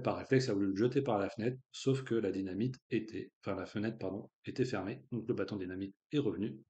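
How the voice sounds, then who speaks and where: A man's voice: lowish voice, warm tone, lo-fi sound. A man hosting a live online quiz in a casual, joking way, with slang and lots of fillers. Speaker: quiz host.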